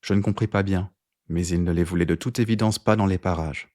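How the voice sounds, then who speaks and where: Male audiobook narrator, very low voice, measured literary first-person reading. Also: fairly even intonation, darkish tone.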